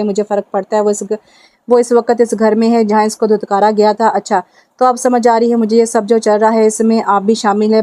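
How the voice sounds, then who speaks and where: Even-toned woman reading a novel aloud. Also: mid-range voice, no echo. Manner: reads all parts herself in an even tone. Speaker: novel narrator. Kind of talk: dramatic audiobook narration with voiced dialogue.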